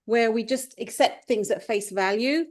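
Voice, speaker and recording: A thoughtful Englishwoman in her fifties, whose first language is Punjabi, is a life coach guesting on a reflective podcast. Her fairly high, slightly mellow voice moves at normal speed, circling back with restarts.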